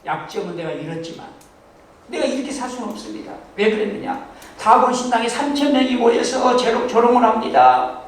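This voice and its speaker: A male pastor preaching a sermon in a church, animated and joking, now and then bursting into shouts. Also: very high-pitched, a little fast, a little hiss or hum. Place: church sanctuary. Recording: echoey church hall, mic from far off.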